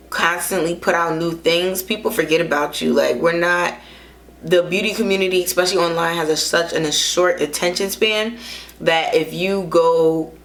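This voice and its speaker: A millennial woman giving casual beauty commentary in a conversational, opinionated way, with slangy phrasing and emphatic points. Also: low voice. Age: millennial, young adult to 30s.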